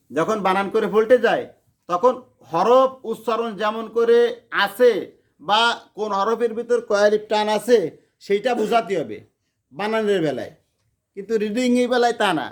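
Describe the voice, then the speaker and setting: A Quran teacher, slowly drilling a class on letter sounds and urging them to repeat louder. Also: mid-range voice. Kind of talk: classroom lesson on letter pronunciation. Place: noisy classroom with students. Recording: noisy classroom with crowd chatter.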